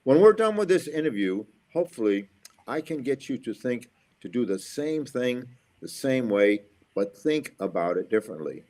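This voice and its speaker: Here a middle-aged Floridian man, an engineer who gives talks at schools, uses a medium, sing-song pitch that's a little mellow, at normal speed. His interview replies stay upbeat and motivational, with key phrases said again and again.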